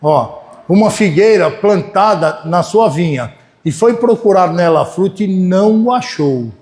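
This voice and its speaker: An unhurried sermon comes from a Brazilian Portuguese–accented pastor whose voice sits high and carries lively intonation. Folksy in tone, he repeatedly checks in with the church while shifting between loud and soft passages.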